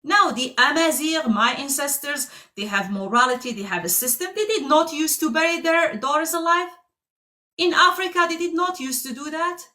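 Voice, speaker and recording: A woman's voice: sits high, animated, normal speed, bright, forceful tone. A woman from Algeria, hosting a heated live debate in a pointed, insistent manner that cuts in often. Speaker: debate stream host.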